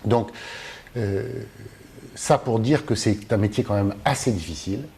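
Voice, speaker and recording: A man's voice: on the low side, unhurried, dark tone. A man who works as a film translator and teacher, answering interview questions in a thoughtful, hesitant way with many fillers and restarts. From Mediterranean. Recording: faint background noise.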